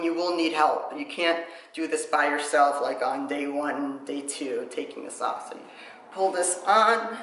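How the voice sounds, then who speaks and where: A woman's voice: lowish voice, a bit bright. Chatty woman in a roomy echo. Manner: chatty, explains step by step while dressing. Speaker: vlogger. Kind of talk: casual how-to demonstration. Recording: roomy echoey room.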